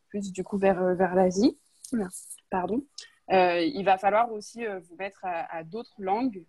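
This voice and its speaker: A woman's voice: medium pitch, a little mellow, breathy edge, no echo. A woman, a former student chatting with many hesitations in a panel discussion over a video call. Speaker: alumna guest.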